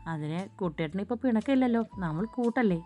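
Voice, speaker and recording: A woman's voice: medium pitch, expressive, fast talker, dark tone, soft background music, close to an everyday voice. A woman voicing an innocent, childlike young bride who talks in a naive, pouting, sing-song way in a storybook reading. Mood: innocent pleading.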